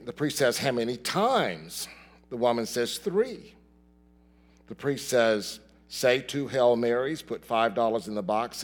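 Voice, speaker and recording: A man leading a church service, telling a joke to the congregation and then moving into his sermon with chatty asides. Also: medium pitch. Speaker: minister. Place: church sanctuary.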